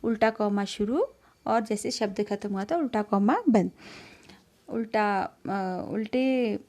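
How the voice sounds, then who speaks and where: A woman teacher giving an online lesson to children, explaining slowly and speaking to them directly, with a filler now and then. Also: medium pitch, a little mellow.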